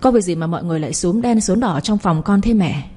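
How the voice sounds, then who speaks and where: A woman's voice: on the low side, animated, quick pace, mellow, breathy edge. A woman voicing an earnest, worried young husband who gives orders to the household. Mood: puzzled.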